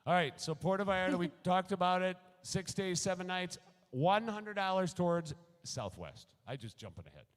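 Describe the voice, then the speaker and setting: Fast-talking male auctioneer in a hall. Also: sits high, lively intonation. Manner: rapid-fire bid calling, joking with bidders. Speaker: charity auctioneer. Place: large hall at a school gala. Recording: long hall reverb.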